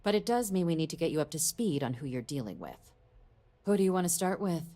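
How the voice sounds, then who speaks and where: A woman's voice: sits low, very animated, quick pace, dark tone. An actress voicing a composed female deputy diplomat in a video game, briefing in a formal tone.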